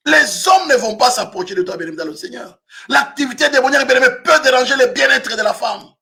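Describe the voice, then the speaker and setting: A man in his fifties, a pastor from Africa, preaching a sermon with frequent shouted emphasis. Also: very high voice, animated, fast talker. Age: 50s.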